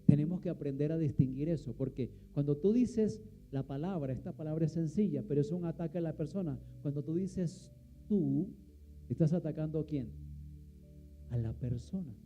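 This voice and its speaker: A man's voice: on the high side, normal speed, mellow, soft background music, low-quality recording. A man preaching a sermon, asking the congregation questions and answering them himself. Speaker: pastor.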